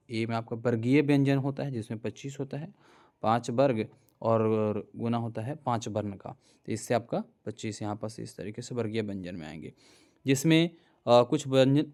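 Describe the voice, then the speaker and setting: A man's voice: mid-range voice, warm tone. A young man teaching a grammar lesson, explaining step by step, repeating each letter aloud and checking in with his listeners.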